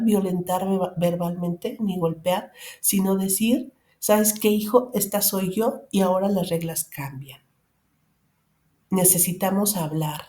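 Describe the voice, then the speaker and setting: A middle-aged Mexican woman talks parents through firm advice in an earnest, emphatic voice. Her tone is warm and mellow rather than bright, and her pitch sits in an ordinary middle range. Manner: earnest, emphatic, addresses the listener directly. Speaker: parenting advisor.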